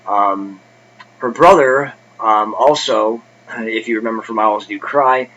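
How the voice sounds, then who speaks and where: A man's voice: lowish voice, takes it slowly, a bit bright, muffled recording, slight background noise. A congested man hosting a casual book review channel, rambling with many fillers and restarts.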